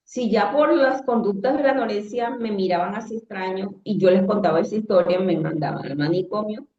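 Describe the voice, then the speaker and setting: A woman with a Caribbean Spanish accent tells a personal story conversationally, in halting phrases with some repetition. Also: mid-range voice, darkish tone. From Caribbean coast of Latin America. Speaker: guest telling a personal testimony. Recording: roomy echo, slightly dull sound.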